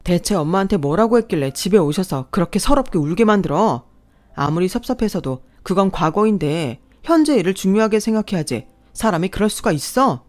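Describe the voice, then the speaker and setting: A woman's voice: medium pitch, expressive, fairly quick, darkish tone, faint music behind, lightly acted. A woman voicing a defensive ex-husband. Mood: indignant. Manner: pushy, then pleading. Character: defensive ex-husband, grown man.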